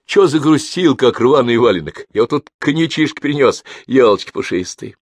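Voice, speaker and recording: A man voicing a loud, cocky grown son who mocks and jokes. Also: medium pitch, lively intonation, normal speed, no room sound, pitched above the performer's own voice, close to an everyday voice. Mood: rowdy. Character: brash, boisterous grown son, joker.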